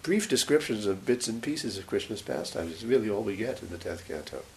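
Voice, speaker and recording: A man giving a scripture lecture as a religious teacher, short of breath, halting and pausing mid-sentence. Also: fairly low pitch, big pitch swings, a little mellow. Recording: faint background hiss.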